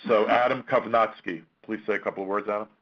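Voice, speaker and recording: Male call host, low and flat delivery, halting and measured, heard through a dull phone conference line. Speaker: boxing promoter hosting a press conference call. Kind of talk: introducing speakers on a media call. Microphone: telephone conference call.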